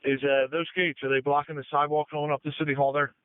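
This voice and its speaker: A man supervising police in the field, giving brisk, directive instructions over police radio. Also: a little high, little pitch movement, clean tone, no echo. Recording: tinny narrow-band police radio audio.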